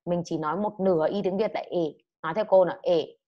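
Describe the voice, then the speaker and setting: Teaching children English over the internet, a Vietnamese woman explains words and drills them loudly for the pupils to repeat. She talks quickly in a fairly low voice, and the sound is lo-fi.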